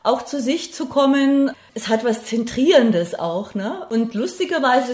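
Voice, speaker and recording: A middle-aged woman from Bavaria, Germany, a singer who leads a grief singing circle, speaks as an interview guest in a medium-pitched, slightly mellow voice with a reverberant sound. She reflects thoughtfully and searches for words as she goes, tossing in short tag questions to seek agreement.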